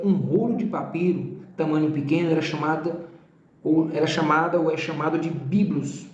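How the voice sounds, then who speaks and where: A man's voice: a little high, warm tone, muffled recording. Man teaching theology in an echoey room. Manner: didactic, talks straight to the student with "tá?" and "ó"; drawn-out repetition of key terms. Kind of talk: recorded theology class.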